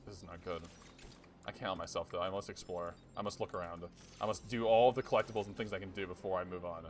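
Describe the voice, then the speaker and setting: With game music behind him, a young streamer comments loosely on his play, talking through his thoughts and frequently cursing and laughing. He speaks fast in a low voice with fairly even intonation.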